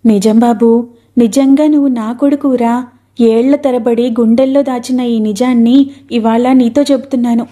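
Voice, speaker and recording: A proud, grieving mother who pleads through tears and then turns defiant, as a woman reader puts her on. The voice sits a little high, with a soft, mellow tone. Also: fairly even intonation, moderate pace, lightly acted. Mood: pleading. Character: grieving middle-aged mother, fierce and proud.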